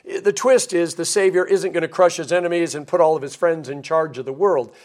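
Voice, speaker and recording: Animated male pastor preaching a sermon. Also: on the high side, a little fast. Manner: animated storytelling with playful asides and quoted voices.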